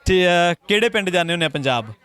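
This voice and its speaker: A woman's voice: lowish voice, animated, quick pace, a bit bright. Woman, reporter, handheld mic, coaxing friendly questions, temple procession. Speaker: reporter host. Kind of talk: street interview. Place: at a Sikh temple street procession.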